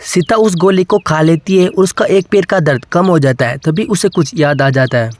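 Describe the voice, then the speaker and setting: A man narrating a cartoon moral story in a plain, even manner. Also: on the high side, moderate pace, no room sound.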